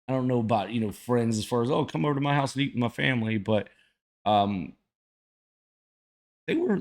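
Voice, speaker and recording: A man giving casual political commentary to viewers, folksy and mildly salty, often halting as he thinks aloud. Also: fairly low pitch. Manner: folksy, plain-spoken, mildly salty language. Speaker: host of a reaction video.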